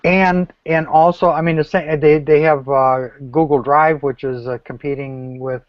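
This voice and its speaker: A man's voice: fairly high pitch, steady tone, unhurried, dry recording, lo-fi sound. A man joining a group meeting remotely, talking hesitantly over a video call whose audio keeps breaking up and cutting out. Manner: hesitant, with many restarts and fillers. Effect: choppy video call audio, cutting in and out. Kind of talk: casual group discussion.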